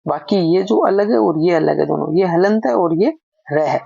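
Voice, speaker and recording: A man teaching a grammar lesson explains things while writing, patiently asking questions and then answering them himself. His voice sits high but sounds gravelly, dark and slightly rough, at a moderate pace, in a dry, dull lo-fi recording.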